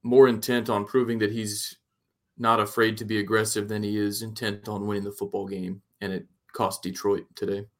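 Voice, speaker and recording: A man's voice: lowish voice, level tone, normal speed. A man co-hosting a casual football show, giving blunt, opinionated analysis. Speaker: sports show co-host.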